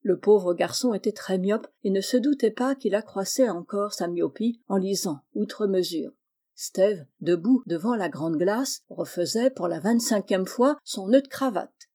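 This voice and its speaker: A woman reading a classic children's novel aloud, narrating calmly and lifting her voice for the children's lines. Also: medium pitch. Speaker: audiobook reader. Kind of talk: storybook narration.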